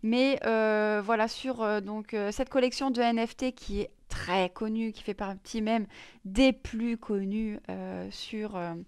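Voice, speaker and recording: A woman's voice: mid-range voice, steady tone, slow, darkish tone, clean tone, dry recording, clean studio sound. Chatty woman explaining crypto news. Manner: many fillers and restarts, chatty. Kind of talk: casual screen-share explainer.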